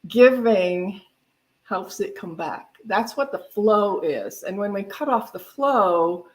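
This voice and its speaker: A woman minister gives an informal talk on giving at a spiritual center service. Her mid-range voice is animated but slow, and she speaks in a conversational, rambling way, often correcting herself. The audio quality is poor.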